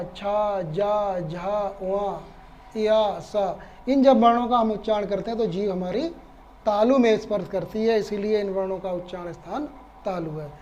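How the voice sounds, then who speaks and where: एक पुरुष शिक्षक जो धैर्य से पाठ समझाता है, बातें दोहराता है और खुद से सवाल पूछता है।. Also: male voice, sits high, mellow, muffled recording, slight background noise. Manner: patient, repeats points and asks rhetorical questions. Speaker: Sanskrit teacher. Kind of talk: explaining lesson.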